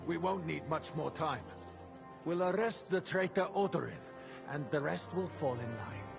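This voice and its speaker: A man's voice: fairly high pitch, expressive, moderate pace, vocal fry, music in the background. An actor playing a harsh lord loyal to his king in a video game drama, blunt and contemptuous. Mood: cold, assured.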